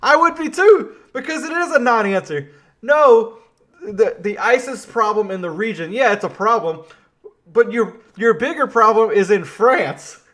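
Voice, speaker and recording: This Louisiana man's voice sits high as he gives relaxed political commentary, laughing readily, speaking with animation and frequently starting over.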